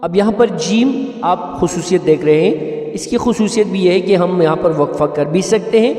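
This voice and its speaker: Brief: very high-voiced male recitation teacher, quick explanations, slow sung examples, echoey hall, mic far off. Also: warm tone. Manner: brisk explaining broken by slow melodic chanting. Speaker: Quran teacher. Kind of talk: tajweed lesson with chanted recitation examples. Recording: echoey hall, distant mic, faint music.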